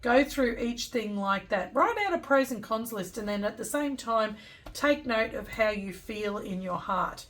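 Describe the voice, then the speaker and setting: A woman's voice: on the high side, animated, measured pace. Woman fortune teller giving a card reading. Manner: gentle advising, thinking aloud, addressing the listener directly. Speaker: tarot and oracle card reader.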